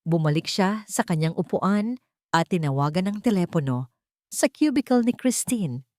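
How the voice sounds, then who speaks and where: Reading a scripted dramatic story as narrator, a woman uses a lowish, somewhat mellow voice that stays animated at a normal speed. The sound is dry and studio-clean.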